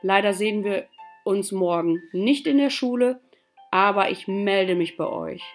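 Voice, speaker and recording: A woman teacher reading a children's story aloud to her class, slow and expressive. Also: mid-range voice, faint music behind.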